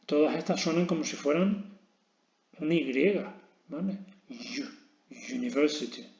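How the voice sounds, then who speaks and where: A man's voice: on the high side, slow, vocal fry, darkish tone. A man with a Spanish accent teaching an English grammar lesson, explaining step by step and often checking in with his listeners. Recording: echoey room, dull lo-fi sound.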